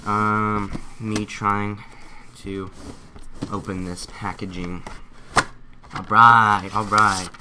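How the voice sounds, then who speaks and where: A man giving a casual unboxing and setup tutorial, excitable and chatty, often poking fun at himself. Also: lowish voice, very slow, long pauses, noisy background. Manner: excitable, chatty, self-mocking. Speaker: gaming YouTuber.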